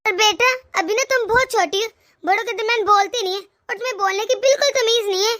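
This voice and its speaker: A woman's voice: very high voice, fast, sharp tone. A woman voicing a stingy, scolding middle-aged aunt in a cartoon, lecturing and taunting. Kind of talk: animated cartoon voice acting.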